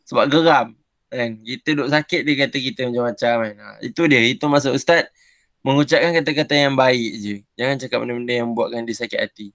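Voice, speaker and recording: A man's voice: medium pitch, steady tone, fairly quick, fairly bright tone, no room sound. A young adult man with a Malaysian Malay accent, teaching young pupils a religion lesson in an online class in a chatty, teasing way, often checking with "kan?". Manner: acts out silly examples with a chuckle.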